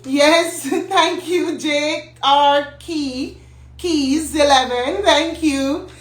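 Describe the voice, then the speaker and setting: A woman's voice: sits high, drawn-out words. A woman hosting a live stream and giving away a prize, teasing her viewers and laughing often. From Jamaica. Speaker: host and company CEO. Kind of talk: casual live-stream giveaway. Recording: echoey room, mic at a distance.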